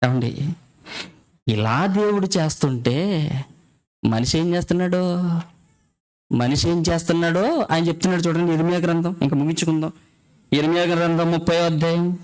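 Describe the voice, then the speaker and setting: Guy preaching a sermon, pretty high voice, keeps asking questions n repeating stuff. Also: fairly even intonation, darkish tone, smooth, rough recording. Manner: asks many rhetorical questions and repeats phrases for emphasis; shifts between quick explaining and slow drawn-out scripture reading.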